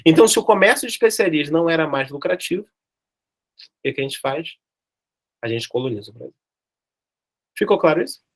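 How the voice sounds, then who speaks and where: A man's voice: on the high side, expressive, fairly quick, long pauses. A man from Brazil, teaching history in a jokey, slangy, dramatic storytelling manner. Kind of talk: lively class storytelling.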